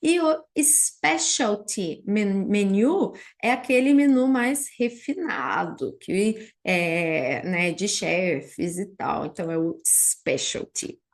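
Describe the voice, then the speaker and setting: A young woman from Paraná with a Brazilian Portuguese accent, teaching English vocabulary and slowly repeating each word for her students. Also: mid-range voice, animated. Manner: drills English words slowly and repeats them for learners. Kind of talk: online vocabulary lesson.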